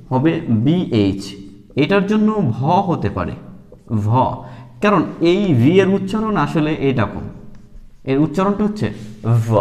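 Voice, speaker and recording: A man's voice: a little high, big-room sound. A man teaching beginners English letter sounds, explaining patiently and repeating each sound several times. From Bangladesh. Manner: repeats sounds slowly, with many fillers.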